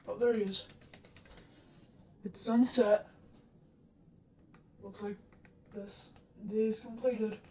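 A woman's voice: medium pitch, fairly even intonation, slow pace, pauses often. Echoey casual woman gamer. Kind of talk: casual gameplay commentary. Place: indoors, living room facing a TV. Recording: roomy echo, background noise, controller clicks.

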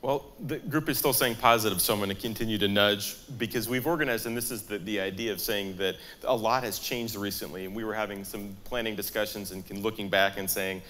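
A man's voice: lowish voice, fairly even intonation, a little fast, hardly any pauses, a bit bright, a little hiss or hum. A middle-aged man moderating a panel discussion on stage, talking conversationally and reflectively. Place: large atrium stage with audience.

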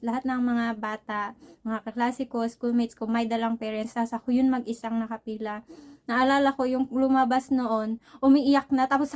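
Young woman rambling thru a story, slightly high voice, laughs a lot. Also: darkish tone. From Philippines. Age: young adult. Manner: chatty, rambling, laughs often. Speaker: vlogger. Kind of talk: casual storytelling.

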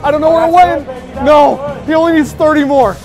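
A vlogger in his twenties gives excited running commentary at night, with loud outbursts, filming himself on an action camera held at arm's length. His voice is very high and brisk. He's at outdoor stadium golf bays in the rain, with noisy crowd chatter and music behind him.

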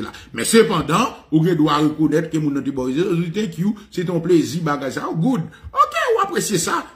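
A man with a Haitian accent giving an animated, ranting commentary, switching between languages, swearing and laughing. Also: mid-range voice. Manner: ranting, mixing Creole, French and English, with profanity and laughs.

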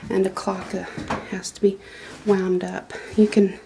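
Filmed on a handheld phone, this clip has a middle-aged woman narrating a casual tour of her little wooden goat barn. Her medium-pitched, gravelly voice stays fairly flat and a bit slow, and she rambles in a homespun way, restarting often and using lots of fillers, with background noise behind her.

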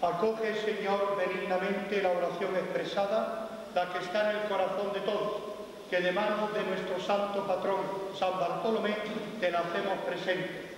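Priest at Mass, high voice, solemn intoning, booming church echo, picked up from far off with hiss. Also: male voice, level tone, normal speed. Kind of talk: liturgical prayer at Mass. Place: large church, indoors. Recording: echoey church from a distance, hiss.

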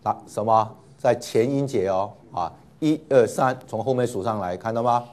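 A man's voice: on the low side, normal speed, darkish tone. Male teacher, patient classroom lecture, lots of fillers and repetition, with mixed in. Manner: patient, many filler 'ah' sounds, repeats words for students.

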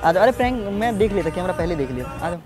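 A man's voice: sits high, sing-song, quick pace, loud music behind the voice. A man hosting a prank video, bantering teasingly in casual talk and repeating himself, recorded outdoors in a public place.

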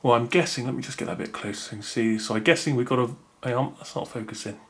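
Seated at a table indoors, a man with a mid-range voice unboxes a gadget for a video, talking fast. He thinks aloud in a casual way, filling his commentary with lots of fillers.

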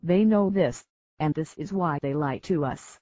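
Activist narrator, synthetic and sexually ambiguous voice, formal measured announcement, dry lo-fi sound. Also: medium pitch, dark tone, dry recording. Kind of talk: scripted announcement. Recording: dull lo-fi audio.

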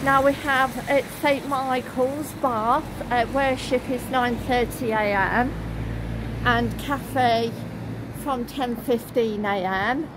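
Strolling city streets, a travel vlogger in her thirties narrates into a phone camera held at arm's length, pointing things out haltingly with lots of ums and uhs. Her slightly high voice keeps a steady tone and an unhurried pace. Passing traffic and street ambience are clearly audible behind her.

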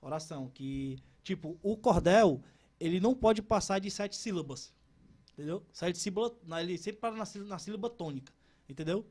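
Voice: a man in his thirties with a high-pitched voice, a guest speaking in a casual podcast interview. He talks with animated energy, often stumbling and restarting his sentences. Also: moderate pace. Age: 30s. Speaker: cordel poet guest.

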